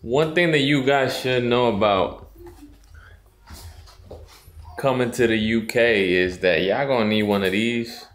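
A man's voice: medium pitch, unhurried, long pauses. Laid-back man vlogging. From Southern US (Atlanta). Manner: laid-back, slangy, talks to camera. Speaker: family vlogger, father. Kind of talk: casual travel vlog chat. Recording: loud background noise while traveling.

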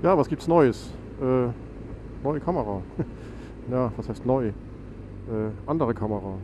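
A man talks into his helmet mic while riding, his voice stuffy and nasal from a cold. He rambles along, corrects himself and drops plenty of fillers. Engine and wind noise roar clearly behind him. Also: medium pitch, lively intonation, unhurried. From Germany. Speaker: motovlogger. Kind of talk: casual chat while riding. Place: outdoors on a motorcycle on a country road. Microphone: helmet mic on a motorcycle. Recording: noisy motorcycle wind and engine.

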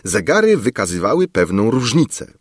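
A man's voice: on the low side, moderate pace, no echo, studio quality. A man narrating a classic children's fairy tale as an audiobook, telling it expressively. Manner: expressive storytelling. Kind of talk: scripted narration.

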